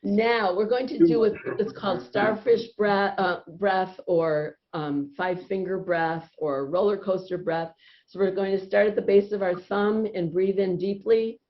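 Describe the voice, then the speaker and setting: A woman's voice: mid-range voice, steady tone, unhurried. A woman teaching laughter yoga over a video call, upbeat and encouraging, often breaking into laughter as she guides the group. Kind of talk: guiding a group laughter session. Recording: dull lo-fi video call audio. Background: group of participants laughing and cheering.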